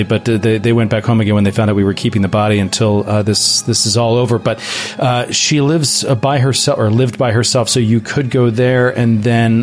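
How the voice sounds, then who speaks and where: A man voicing a small-town woman police officer in a tabletop game, halting and full of ums and restarts. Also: fairly low pitch, natural voice. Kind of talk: tabletop role-play.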